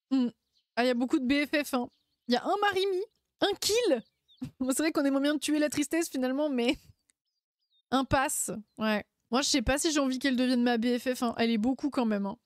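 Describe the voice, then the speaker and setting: Woman streamer, high voice, dry close sound, slangy and laughing. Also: no echo. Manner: laughs often, slangy and playful. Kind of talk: casual live-stream chat.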